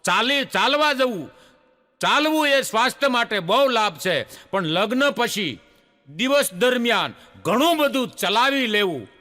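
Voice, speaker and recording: A man's voice: very high voice, expressive, measured pace, sharp tone. A man doing stand-up, telling jokes as stories and voicing the people in them. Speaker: stand-up comedian. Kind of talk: Gujarati stand-up joke telling. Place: stage before a live laughing audience. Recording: live stage with hall reverb.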